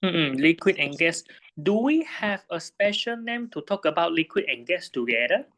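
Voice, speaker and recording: A man's voice: on the high side, very animated, normal speed, fairly bright tone, a little hiss or hum. A man tutoring a student one-on-one in physics, patiently checking her understanding with frequent tag questions.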